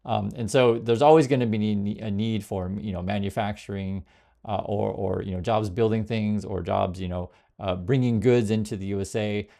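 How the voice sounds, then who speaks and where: Speaking directly to camera on his political commentary channel, this man, born in Vietnam, rambles through many fillers and reads out comments from viewers. His voice is low, gravelly and mellow, with fairly even intonation at a moderate pace.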